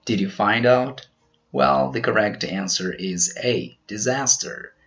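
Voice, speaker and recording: A man teaching pronunciation in a scripted quiz, slowly over-articulating each example word. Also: lowish voice, gravelly, a bit bright, lo-fi sound, faint music behind. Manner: slow, careful, over-articulated delivery of example words.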